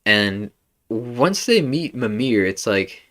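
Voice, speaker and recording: A podcast host with a somewhat low male voice chats loosely about a game. He talks in a relaxed, slangy way and fills his sentences with "like" and "bro". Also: slow pace. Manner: laid-back slangy talk full of "like" and "bro". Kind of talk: casual video game discussion.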